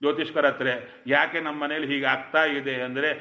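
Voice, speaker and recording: A man's voice: a little high, level tone, fast, creaky, bright, forceful tone. A man giving a religious discourse, asking his listeners rhetorical questions and quoting Sanskrit verses. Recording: echoey, dull lo-fi recording.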